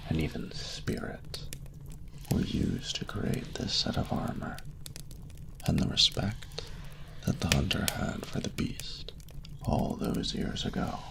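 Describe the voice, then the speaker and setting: A man voices a male dragon, proud and flirtatious, for an intimate romantic audio roleplay, with an exaggerated, gravelly, half-whispered rumble. His phrasing is stately, formal, and unhurried, and the recording is rough.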